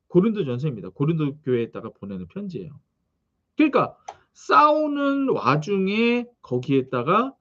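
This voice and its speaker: Pastor guy preaching, high voice jumping all over, kinda dull lo-fi sound. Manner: animated storytelling preacher, asks the congregation questions. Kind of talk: sermon.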